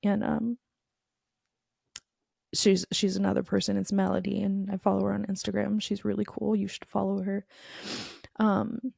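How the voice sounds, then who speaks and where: A woman hosting a solo podcast, speaking in a heavily gravelly, husky voice that sits low and stays fairly flat. She sounds earnest and frustrated, confiding in listeners in a loose, conversational way. The dark, close, dry sound keeps her right up against the ear. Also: moderate pace, long pauses, no room sound. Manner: conversational, with frequent "like" fillers. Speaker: podcast host. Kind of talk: candid solo podcast monologue.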